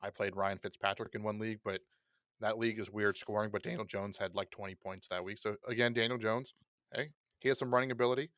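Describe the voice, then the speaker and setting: A man's voice: lowish voice, steady tone, quick pace, fairly bright tone, no echo. A man hosting a casual fantasy football podcast, loose and joking as he talks through players. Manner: loose, joking, wraps up the show. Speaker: podcast host.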